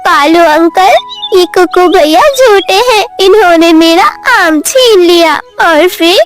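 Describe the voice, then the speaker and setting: A woman's voice: very high voice, slow, over music, pitched above the performer's own voice. A woman voicing a little girl sparrow chick in a children's cartoon, whiny and pleading.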